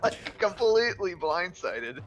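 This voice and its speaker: A man playing a co-op game with friends, excitable, exclaiming and laughing. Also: sits high, a little slow, loud music behind the voice. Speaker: player in multiplayer game. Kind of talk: casual gaming chat.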